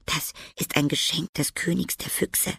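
A man's voice: fairly high pitch, steady tone, a little slow, gravelly, pushed and bright, husky, no echo, pitched above the performer's own voice, exaggerated voice. A man reading an audiobook and voicing a brave, polite young girl in a raised, eager voice, close and dry. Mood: curious.

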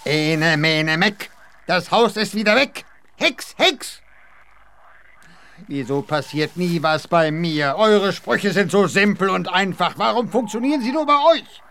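High-pitched, exasperated, stubborn father. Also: lively intonation, a little slow, a bit bright, full character voice. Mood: whiny, sulky. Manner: whiny, indignant, blustering. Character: stubborn, exasperated, sulky father without magic. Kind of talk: audio drama acting.

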